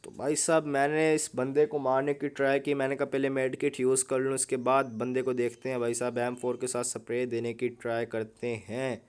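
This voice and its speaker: A man's voice: medium pitch, monotone, normal speed, few pauses, clear, resonant tone. A young man, giving casual, joking commentary over mobile gameplay. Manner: joking, chatty, keeps saying "bhai sahab". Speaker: gaming YouTuber.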